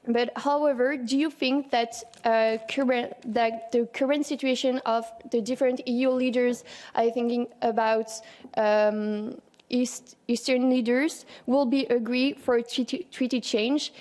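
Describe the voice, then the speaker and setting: A woman's voice: fairly high pitch, darkish tone. A young woman student asking a question at a seminar, hesitant with many fillers, English not her first language. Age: young adult. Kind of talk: audience question.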